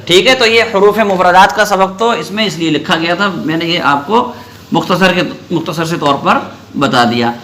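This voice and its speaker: A male Quran reading teacher speaks in a high, sharply bright voice. He puts questions to his class and answers them himself. He stretches the letter sounds into a slow, sung drawl. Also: a little hiss or hum.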